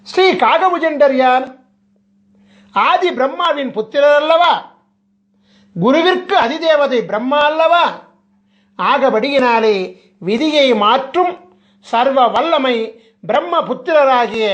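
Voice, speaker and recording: A man who is a spiritual teacher, giving a slow devotional discourse in a solemn, measured way, with rhetorical questions. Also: very high-pitched, a bit bright. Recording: muffled lo-fi recording.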